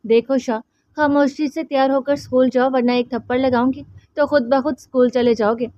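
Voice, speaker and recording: A woman's voice: sits high, fairly even intonation, moderate pace, no room sound, highs cut off, close to an everyday voice. A woman voicing a stern young mother. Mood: angry. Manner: scolding, sharp. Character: young mother, short-tempered with her son.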